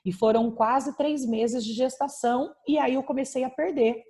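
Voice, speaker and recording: A woman's voice: high-pitched, fairly even intonation, normal speed, mellow. A woman pastor with a Brazilian Portuguese accent, preaching and giving a personal testimony over a video call, emphatic, with frequent tag questions.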